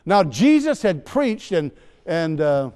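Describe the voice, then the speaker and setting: A man's voice: on the high side, big pitch swings, takes it slowly, darkish tone, smooth. A man preaching a sermon in a church, talking conversationally with asides and light teasing. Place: church sanctuary. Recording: long church hall reverb.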